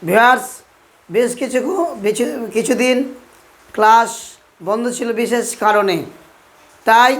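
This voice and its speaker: A man teaching English pronunciation in a video lesson, slowly spelling out letters one at a time. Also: very high-pitched, fairly even intonation, a bit bright.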